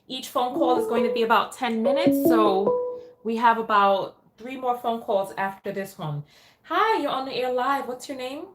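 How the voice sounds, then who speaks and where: A woman's voice: a little high, moderate pace, soft background music. Echoey female live coach and host. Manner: guiding, reflects back and checks in with questions. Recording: echoey, roomy sound.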